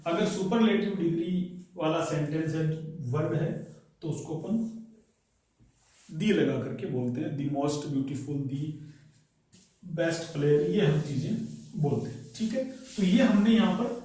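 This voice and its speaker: A man's voice: fairly high pitch, expressive, unhurried, dark tone. Guy teaching grammar to a class, keeps asking questions back at them, big echo, mic far away. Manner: explains with rhetorical questions. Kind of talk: classroom lecture on English grammar. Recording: very echoey room, voice from far off.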